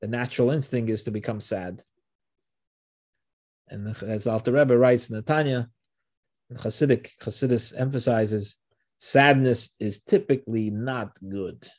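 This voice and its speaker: Man, mid-pitched voice, Torah teacher, slow verse reading, plain explaining, rhetorical questions. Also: a little mellow. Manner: reads verses slowly, then translates and explains. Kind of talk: explaining a Bible passage.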